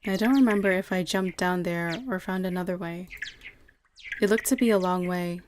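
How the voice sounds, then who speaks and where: A woman's voice: fairly low pitch, slight background noise. Woman streamer reading game text aloud. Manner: measured reading, answers chat in quick asides.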